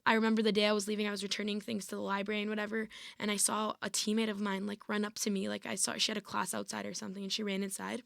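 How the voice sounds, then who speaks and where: A woman's voice: mid-range voice, little pitch movement, racing, vocal fry, few pauses, a bit bright, dry recording, studio quality. A woman in her twenties, a guest on an interview podcast, recounting her experiences casually with lots of "like" and "I was like". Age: 20s. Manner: retells events with frequent "like" and "I was like". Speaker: podcast guest, varsity athlete.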